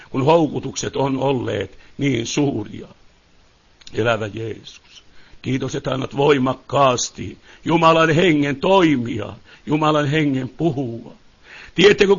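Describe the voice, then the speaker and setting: A fervent male preacher with a high voice that climbs into pleading cries. He keeps asking the crowd "you know?" as he speaks. The recording is dull and lo-fi. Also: fairly bright tone. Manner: fervent, rising to pleading cries, many asides to the listeners. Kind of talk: sermon. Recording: dull lo-fi sound.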